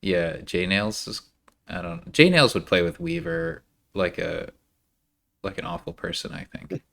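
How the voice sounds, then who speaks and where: A man giving casual live commentary on a card game, animated and quick to jump into high-pitched reactions. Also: gravelly, a little hiss or hum.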